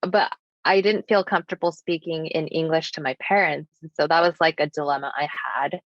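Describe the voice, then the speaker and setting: Brisk and low-pitched with fairly even intonation, a young American woman who first spoke Japanese reflects on personal matters as a podcast guest. She's earnest and thoughtful, with many casual fillers. The recording has no echo and a dull lo-fi sound.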